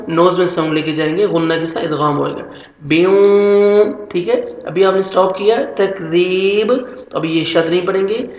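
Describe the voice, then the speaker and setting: High-voiced man teaching, echoey lo-fi room. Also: vocal fry. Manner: slow drawn-out chanting of examples, then brisk explanation. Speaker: recitation teacher. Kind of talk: step-by-step pronunciation lesson.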